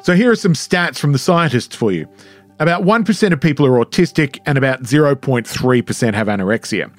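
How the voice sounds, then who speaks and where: A male reporter giving clear, scripted narration that explains facts for the audience. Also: mid-range voice.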